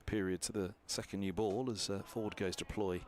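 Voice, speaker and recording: A man's voice: fairly low pitch, fairly even intonation, moderate pace. A man commentating on cricket from a balcony box, chatty and analytical, thinking aloud through scores with fillers.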